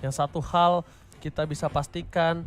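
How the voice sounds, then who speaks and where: A man calling a game match like a fighting game announcer, with dramatic drawn-out calls and rhetorical questions. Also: a little high, flat delivery. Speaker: esports shoutcaster, play-by-play. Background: music.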